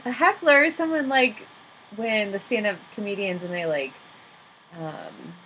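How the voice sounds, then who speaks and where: A woman's voice: mid-range voice, a little slow, slight background noise, rough recording. A woman co-hosting a couples reaction video, giggly and a bit bashful in casual chat. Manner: giggly, bright, a little bashful. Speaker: co-host of a reaction channel.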